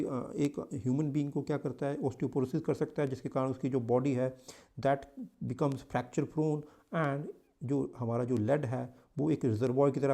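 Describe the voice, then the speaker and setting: A man with an Indian accent and a mellow, medium-pitched voice gives an exam-prep lecture. He mixes English terms into his Hindi, often repeating and correcting himself as he goes.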